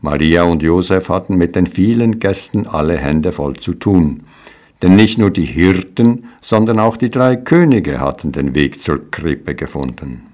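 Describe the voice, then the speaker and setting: A male storyteller reads a storybook aloud with calm, measured delivery. His voice is very deep. He takes his time over every line. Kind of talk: storybook reading.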